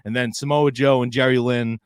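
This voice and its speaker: A man's voice: mid-range voice, fairly even intonation, fairly quick, clean tone, no echo, studio quality. A man co-hosting a casual wrestling podcast, retelling a story and laughing often. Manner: recounts stories, laughing often. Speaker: podcast co-host.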